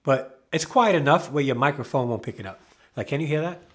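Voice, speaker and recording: A man giving a casual product review, talking excitably with emphatic repeats and self-corrections. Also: mid-range voice, brisk, a little hiss or hum. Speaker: camera reviewer.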